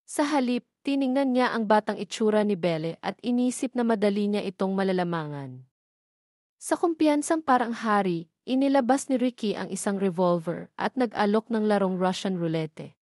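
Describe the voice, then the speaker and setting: A woman with a Filipino accent narrates a scripted dramatic story. Her medium-pitched voice has a darkish tone, recorded with clean studio sound and no room sound.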